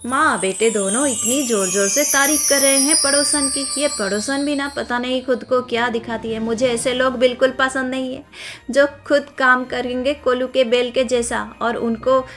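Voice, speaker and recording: A woman's voice: sits high, fairly even intonation, normal speed, music in the background, lightly acted. A woman voicing a lazy, jealous young daughter-in-law in a cartoon story, grumbling scornfully.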